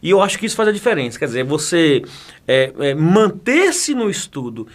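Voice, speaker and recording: Very animated and on the high side, this man talks at a moderate pace. He's a federal police chief and teacher in his 40s from Bahia, Brazil, appearing as a guest in casual interview talk, often laughing, joking and repeating words.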